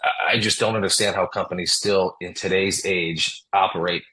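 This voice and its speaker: Bright-toned emphatic man. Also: low-pitched, fairly even intonation, moderate pace, rough recording.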